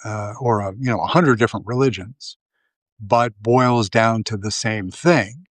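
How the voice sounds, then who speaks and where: Slow rambling man, dry close sound. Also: fairly low pitch, no room sound. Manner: rambling, many fillers and restarts. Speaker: livestream host. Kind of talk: casual political commentary.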